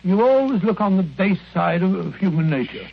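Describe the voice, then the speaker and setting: Casting: indignant British sidekick doctor in vintage radio drama; creaky, spluttering, muffled recording. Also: male voice, high-pitched, very animated, moderate pace, exaggerated voice. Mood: flustered, observant. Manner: huffy, stammering, bumbling. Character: blustering, indignant, kindly English doctor sidekick. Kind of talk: mid-century radio drama acting. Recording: dull, noisy old radio recording.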